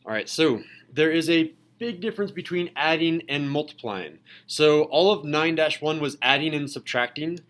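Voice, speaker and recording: A man's voice: fairly high pitch, normal speed, hardly any pauses, a bit bright. A man teaching a math lesson to a class, asking questions and calling on students. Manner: calls on students, asks questions. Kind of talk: classroom lecture.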